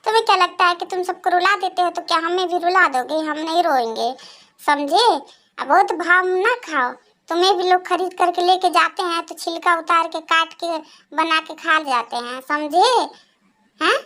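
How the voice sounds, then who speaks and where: A proud, touchy cartoon tomato. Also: male voice, very high voice, moderate pace, sharp tone. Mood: indignant. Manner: indignant, demands respect, argumentative. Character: proud touchy male tomato, fallen king. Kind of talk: cartoon voice acting.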